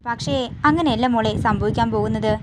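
A woman voicing a grieving older mother figure who fears for her husband, read softly within a recap. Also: fairly high pitch, moderate pace, heavy background noise, close to an everyday voice. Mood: sorrowful.

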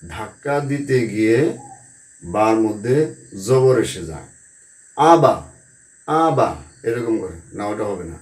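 A man teaching Quranic letter sounds, repeating each syllable patiently with a sharp stop. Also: on the low side, animated, a little slow, pauses often. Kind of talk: slow recitation drill lesson. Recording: roomy echo, mic at a distance.

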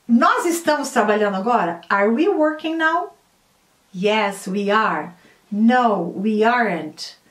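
A high-pitched woman teaching a casual lesson, chatty and patient, with slow, careful repetition of example sentences. She sits back from the mic in a room that rings with echo. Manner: chatty, repeats drills slowly. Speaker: English teacher. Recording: echoey room, mic at a distance.

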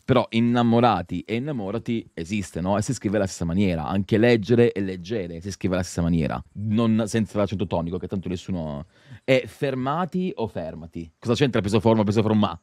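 An Italian man streaming and chatting with friends, mocking and teasing, swinging between low mutters and loud outbursts. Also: fast, no room sound, studio quality. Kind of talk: casual streaming chat.

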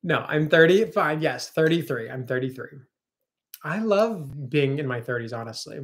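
A man's voice: a little high, expressive, moderate pace. A man in his thirties co-hosting a casual livestream from his home kitchen, chatting and reading viewer comments aloud on a webcam. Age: 30s. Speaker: co-host.

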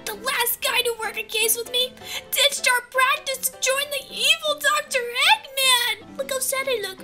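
A woman voicing a very high bubbly cartoon detective. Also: normal speed, music in the background. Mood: eager. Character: eager cartoon detective, dramatic and snack-loving.

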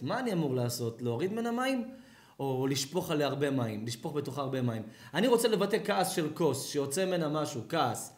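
Animated high-voiced rabbi in an echoey hall. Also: male voice. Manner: animated, dramatic, acts out scenes. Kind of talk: sermon to a live audience. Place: lecture hall or synagogue.

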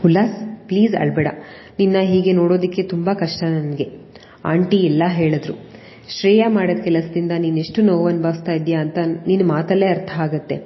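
Woman doing a soft consoling young woman, low voice, dull muffled sound. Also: fairly even intonation, brisk, close to an everyday voice. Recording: dull lo-fi audio with long reverb.

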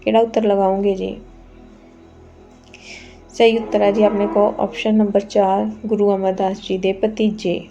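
A woman's voice: medium pitch, level tone, moderate pace, gravelly, pauses often, warm tone, highs cut off, soft background music. A woman, teaching an exam quiz lesson, reading out each question and its options and then giving the answer politely and patiently.

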